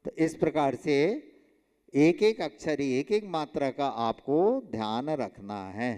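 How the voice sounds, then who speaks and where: A man, a monk, teaching a religious class in a slow, emphatic way, repeating examples and putting questions to his students. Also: on the high side, expressive, a little mellow. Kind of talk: explanatory religious lesson. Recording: long hall reverb.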